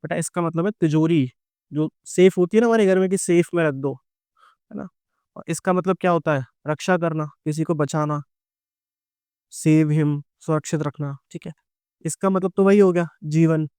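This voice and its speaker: Clear-voiced Indian man teaching grammar. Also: a little high, normal speed, dark tone, no room sound, clean studio sound. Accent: Indian English. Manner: explains patiently, checks in with "है ना" and "ठीक है" and calls students "बेटा"; asks the class a question, then answers it himself. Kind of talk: exam-prep grammar lecture.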